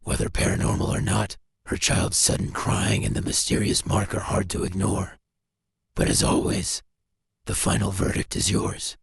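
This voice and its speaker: Deep gravelly man narrating spooky clips. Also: completely flat delivery, normal speed, no room sound. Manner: dramatic, suspenseful storytelling. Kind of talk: scripted narration of paranormal clips.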